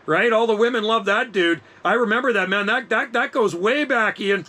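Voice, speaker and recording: A middle-aged man who is an amateur radio operator chats casually in a high, sharp-toned voice at normal speed. He sounds enthusiastic and uses laid-back slang.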